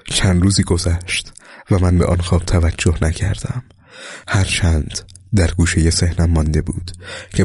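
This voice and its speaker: A man reading war memoirs aloud in a slow, solemn, scripted narration that sometimes sinks to a soft whisper. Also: low-pitched, breathy edge, dry recording.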